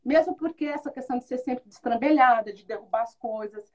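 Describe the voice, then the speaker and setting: A woman with a slightly high voice speaks briskly. During a casual interview about being a mother, she animatedly tells good-humored stories, performs the dialogue people said, and laughs frequently.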